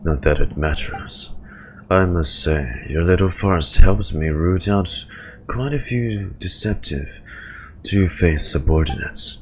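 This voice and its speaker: A man voicing a cold, scheming male officer villain, speaking in a measured, menacing way with a very low voice. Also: a little hiss or hum.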